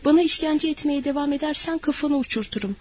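A woman's voice: high voice, quick pace, a little mellow, lightly acted. A woman voicing a wounded, pleading sultan. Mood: pained. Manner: pained, pleading. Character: dying male sultan, wounded and feverish.

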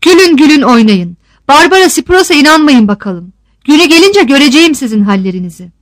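A woman's voice: high voice, very animated, fairly quick, no echo. A woman voicing a fiery old island woman, scornful and defiant. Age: older. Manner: mocking, scolding rhetorical questions.

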